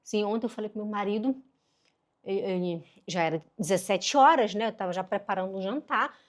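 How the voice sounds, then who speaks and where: A middle-aged woman giving a casual online language lesson, chatty and animated, slowing down carefully to model pronunciation. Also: medium pitch. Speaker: German teacher.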